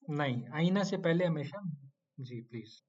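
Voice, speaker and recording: A man's voice: a little high, lively intonation, unhurried, breathy edge, lo-fi sound. Male teacher coaxing students through quizzes. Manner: playful scolding, pleads for homework. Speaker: Quranic Arabic teacher. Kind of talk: online class teaching.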